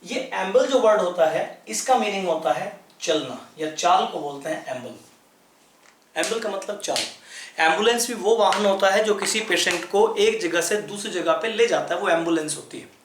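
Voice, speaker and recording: A man's voice: high voice, animated, normal speed, echoey room, slight background noise. A man teaching English vocabulary in Hindi, explaining patiently and spelling words out letter by letter. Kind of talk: explaining lesson in Hindi at a chart.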